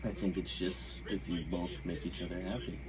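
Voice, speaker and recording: A young adult man chatting casually as a vlog guest, laid-back and halting, with slangy wording. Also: deep voice, fairly even intonation, very noisy. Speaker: guest boyfriend. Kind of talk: casual chat.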